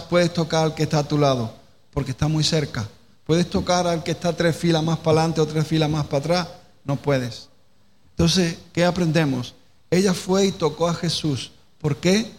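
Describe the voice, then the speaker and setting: A man from preaches a sermon in a fairly high voice. He keeps asking the listeners direct questions and repeats his phrases. The sound carries a long hall reverb with a faint noise underneath. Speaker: pastor.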